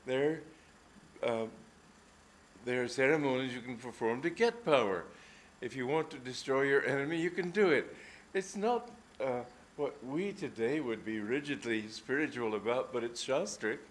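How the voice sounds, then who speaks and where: A man's voice: mid-range voice, slight background noise. An older man, a spiritual teacher, giving an informal, reflective talk with anecdotes and frequent hesitations. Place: gathering hall.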